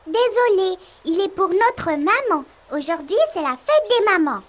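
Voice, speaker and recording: A woman's voice: very high voice, expressive, measured pace. A woman voicing a small, cheerful little boy who leads his brothers, in an eager childlike voice. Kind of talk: storybook voice acting.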